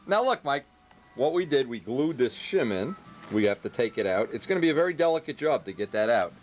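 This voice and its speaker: A man's voice: medium pitch, big pitch swings, fairly quick, faint music behind. A man giving casual hands-on workshop commentary, joking and teasing his helpers as he instructs them. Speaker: host, model plane builder directing helpers.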